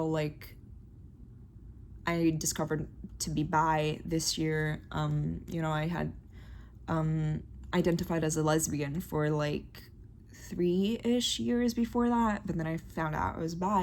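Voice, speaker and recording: A woman's voice: deep voice, a little mellow, a little hiss or hum. A young woman from Brazil, a Portuguese speaker, talking in a rambling, hesitant diary vlog full of fillers. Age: young adult. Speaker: vlogger.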